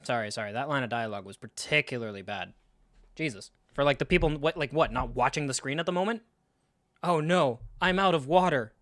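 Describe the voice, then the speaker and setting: A man's voice: medium pitch, fast, fairly bright tone. A young man streaming a live film reaction and ranting about it with sarcastic, profane disbelief. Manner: sarcastic, profane, incredulous rants.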